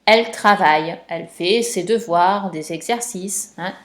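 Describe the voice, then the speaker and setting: A woman teacher talks a young child through spelling rules at a slow, patient pace. She spells out letters one at a time and repeats each point. Her voice is recorded dry and close, with no room sound. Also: lowish voice, a bit bright, no room sound. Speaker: primary school teacher.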